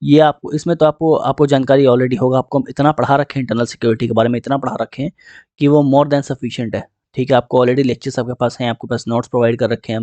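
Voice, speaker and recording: A man of middle pitch lecturing exam aspirants at an easy, unhurried pace. He keeps checking in with short tags and mixes English into his speech. The recording is dry and close, with no room sound. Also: darkish tone, no room sound. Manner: repeats "theek hai" and "right" as he talks. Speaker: exam coaching teacher.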